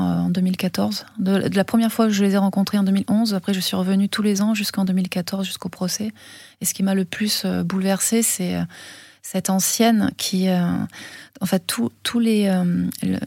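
A French woman speaks as an interview guest in a middle-pitched voice with a gravelly edge. She hesitates often and restarts her sentences. The sound is close and dry. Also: darkish tone, no echo. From France. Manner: hesitant, many fillers and restarts. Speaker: guest filmmaker. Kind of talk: interview conversation.

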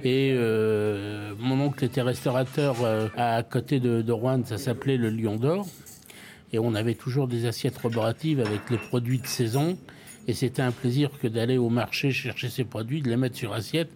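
A man's voice: mid-range voice, steady tone, moderate pace, darkish tone. An older man from France, a restaurant owner, telling stories in an interview with many restarts and repeated words. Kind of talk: interview, casual storytelling.

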